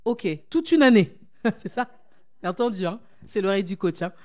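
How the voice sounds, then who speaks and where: A woman's voice: mid-range voice, lively intonation, normal speed, darkish tone. A woman speaking as a coach at a church conference, urging her listeners on with repeated phrases and questions to the audience. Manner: exhortative, repetitive emphasis.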